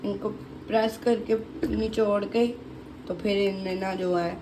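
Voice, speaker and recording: A woman with a hoarse throat hosting a home cooking video, chatting casually as her mother cooks, often repeating the same filler phrase. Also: medium pitch, fairly even intonation, measured pace, background noise. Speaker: cooking channel host. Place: home kitchen. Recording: kitchen clatter of dishes and cutlery.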